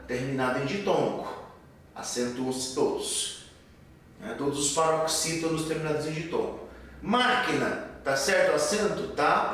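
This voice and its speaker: Older teacher in an echoey room. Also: male voice, on the high side, a bit bright, far from the mic, a little hiss or hum. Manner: explanatory, asks and answers his own questions. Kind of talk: recorded Portuguese grammar lesson.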